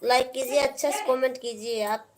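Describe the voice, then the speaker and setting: Chatty Awadhi woman over loud noise. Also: high-pitched, steady tone, normal speed. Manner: chatty, teasing viewers in a sisterly way. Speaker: live-stream host. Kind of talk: casual live-stream chat reading viewer comments. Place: indoors at home.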